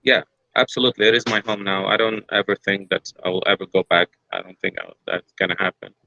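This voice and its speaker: A man's voice: low voice, little pitch movement, quick pace, gravelly, pushed and bright, no room sound. Hesitant Iraqi-accented man, dull recording. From Iraq. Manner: hesitant, many filler sounds and restarts. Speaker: audience member asking a question. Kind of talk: public forum question. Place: public forum gathering.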